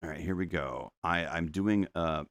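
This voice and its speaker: A middle-aged man with a low voice talks at a moderate pace, recorded dry at a desk microphone in his home studio. Painting on a live stream, he chats casually but keeps wandering off, interrupting himself, stammering restarts and chuckling.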